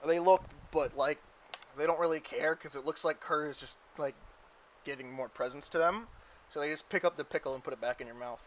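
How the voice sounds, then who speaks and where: A woman's voice: low voice, brisk, lo-fi sound, slight background noise. A woman narrating as game master in a casual, giggly way, full of "like"s.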